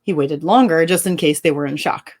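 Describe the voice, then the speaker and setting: Expressive, upbeat woman author. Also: deep voice, fairly quick. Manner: expressive, upbeat, laughs easily. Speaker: author and co-host. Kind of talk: dramatic story reading and casual chat.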